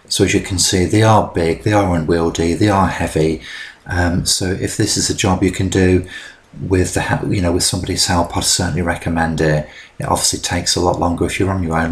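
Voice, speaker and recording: Deep-voiced man explaining DIY. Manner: chatty and explanatory, with frequent ums. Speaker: DIY vlogger. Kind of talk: instructional voice-over narration.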